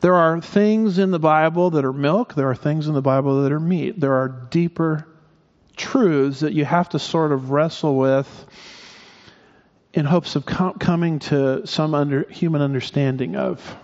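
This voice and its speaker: A man's voice: a little high, measured pace, darkish tone, muffled recording. A man preaching a sermon as pastor, in a conversational way with asides and restarts.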